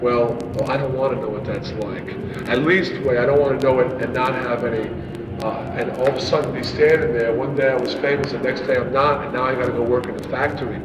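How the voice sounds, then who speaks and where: A man's voice: mid-range voice, fairly even intonation, fairly quick. A man in his twenties, a band member, rambling in a casual interview. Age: 20s. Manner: rambling, restarts often. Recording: echoey hall with loud noise, mic far off.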